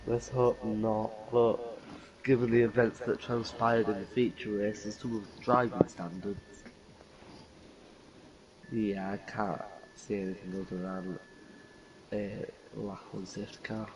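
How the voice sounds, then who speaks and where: A man's voice: on the low side, little pitch movement, measured pace, noisy background. A man doing casual race commentary for an online racing league, chatty and joking with his co-host.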